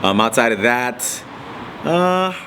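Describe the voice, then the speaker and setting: A young man from Nigeria, chatting casually as an interview guest in a relaxed way, with many fillers. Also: mid-range voice, slow pace, background noise.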